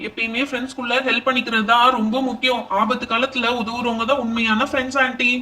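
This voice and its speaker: A helpful, chatty young boy in a doll play rattles along, as a man voices him. The voice is very high and quick, recorded a little far off the mic, with a reassuring, friendly manner. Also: little pitch movement, pushed and bright, heavily acted. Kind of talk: doll pretend-play voice acting.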